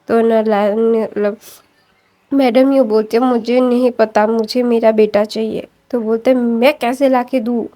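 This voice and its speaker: A woman casually retelling a fan story, chatty, linking sentences with fillers and quickly correcting herself. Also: a little high, fairly even intonation, dark tone.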